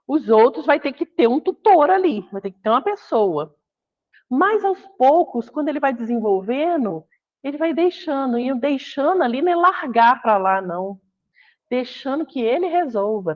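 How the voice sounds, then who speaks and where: A Brazilian woman with a fairly high voice gives a spiritist lecture in a relaxed, conversational way. She slips into the voices of the people she quotes. The recording sounds dull and lo-fi. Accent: Brazilian Portuguese. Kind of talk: spiritist talk.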